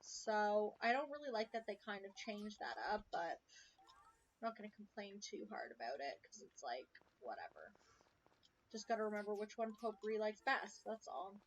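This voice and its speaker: A let's play streamer with a mid-range voice, lively intonation and moderate pace casually comments on her own farming game stream, chatting to herself in muttered asides. The stream audio is slightly dull with faint hiss.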